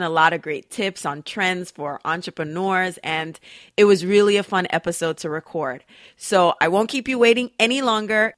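A woman's voice: on the low side, fairly bright tone, no echo, studio quality. A woman hosting a podcast in an enthusiastic, upbeat way, introducing and interviewing her guest. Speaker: podcast host.

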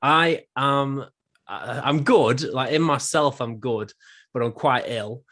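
A man's voice: mid-range voice, takes it slowly, bright, forceful tone. A young man hosting a casual podcast, nasal from a cold, chatty and self-deprecating with lots of fillers. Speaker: podcast host.

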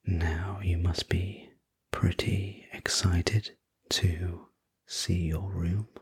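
A courteous male night conductor acted out by a man in a whispered role-play sleep story. His low voice is very breathy and soft, with a soothing, polite delivery. He takes his time and stays even and attentive throughout, like a sleep story narrator. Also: extremely slow, heavily acted.

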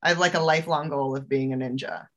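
A woman who teaches self-defense and travel safety appears as a guest in a casual interview, talking chattily and animatedly with lots of fillers and laughs. She speaks fast in a bass voice.

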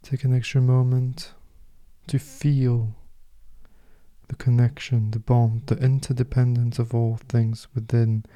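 A man guiding a meditation as host, speaking in a soft, slow, soothing way. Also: medium pitch, flat delivery. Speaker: meditation podcast host and guide. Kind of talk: guided meditation narration.

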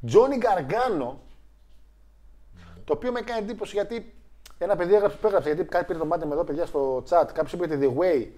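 A young man with a somewhat high voice co-hosts a casual chat. He talks in an animated, joking way and often slips into mimicking others. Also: pauses often. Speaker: co-host.

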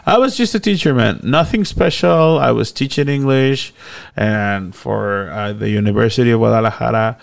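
A man's voice: medium pitch, normal speed, gravelly, few pauses. A young man casually telling a long personal story, rambling and laughing often.

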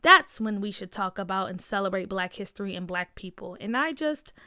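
A woman's voice: mid-range voice, animated, a little fast, bright, forceful tone, dry recording, clean studio sound, pitched below the performer's own voice. A woman voicing an earnest, outspoken schoolgirl. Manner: questioning, insistent.

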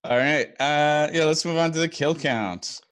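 A man's voice: fairly high pitch, measured pace, fairly bright tone, smooth, faint music behind. A man hosting a casual conversational recap of a TV episode. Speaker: podcast host.

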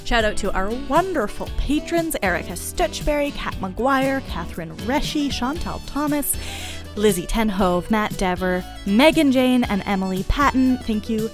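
Lively chatty woman podcast co-host. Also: on the high side, normal speed, over music. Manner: chatty, many fillers like "like", giggly. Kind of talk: casual book chat.

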